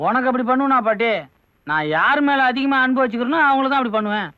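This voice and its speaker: A cheeky, deadpan young man. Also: very high voice, quick pace, no room sound. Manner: flat, matter-of-fact comebacks. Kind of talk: Tamil film comedy acting. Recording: dull film soundtrack, faint music.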